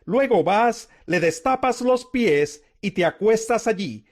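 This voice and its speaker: A man's voice: high-pitched, expressive, slow, darkish tone, heavily acted. A man voicing a caring older mother-in-law who gives motherly guidance in scripted scripture dialogue. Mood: caring instruction. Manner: motherly, advising.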